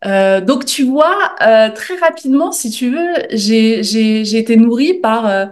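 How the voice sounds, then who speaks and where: As a guest on a podcast, this French journalist and author talks unhurriedly in a fairly high voice with lively intonation. The interview is casual, and she reflects informally, frequently adding "tu vois."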